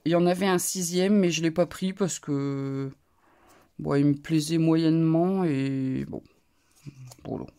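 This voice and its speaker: A woman's voice: deep voice, a little slow, mellow, clear, resonant tone. A woman with a northern French accent, chatting casually and rambling with frequent asides as she shows off her crafting purchases in a haul video. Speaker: crafting YouTuber.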